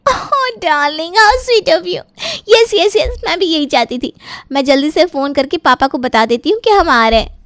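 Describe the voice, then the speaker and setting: A woman's voice: sits high, lively intonation, measured pace, no echo, clean studio sound. A woman voicing a pampered young wife who coos and gushes over her husband. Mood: cooing. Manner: cooing, gushing.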